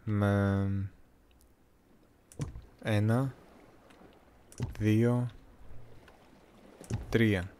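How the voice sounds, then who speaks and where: A young man from Greece giving casual, chatty gameplay commentary, talking to viewers with a slightly hoarse voice. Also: on the low side, flat delivery, pauses often, darkish tone, slight background noise. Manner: chatty, talks to viewers, jokey self-talk. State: voice a bit hoarse, clearing throat.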